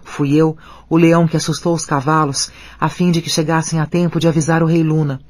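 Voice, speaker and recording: A man voicing a great male lion who speaks slowly and gravely. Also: a little high, little pitch movement, dry recording, close to an everyday voice. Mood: solemn. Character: great male lion, deep, solemn and gentle.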